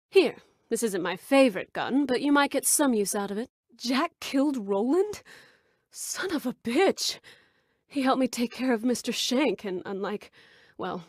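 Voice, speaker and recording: A woman's voice: a little high, a bit bright, dry recording, clean studio sound. A woman voicing a flirtatious, brash bar owner in a video game, speaking in a sultry, suggestive purr. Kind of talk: video game character dialogue.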